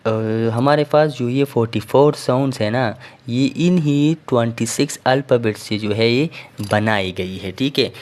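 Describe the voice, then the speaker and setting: A man teaches a recorded lesson at a middle pitch. He explains step by step, often pausing on filler sounds and checking in with the listener before moving on. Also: darkish tone. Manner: explains patiently, repeats "theek hai" and fillers. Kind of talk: recorded classroom lecture.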